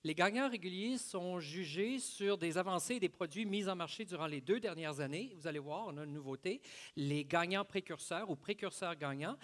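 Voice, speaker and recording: A man's voice: high voice, normal speed, fairly bright tone. A man co-hosting a live awards gala and speaking to the guests. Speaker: gala co-host.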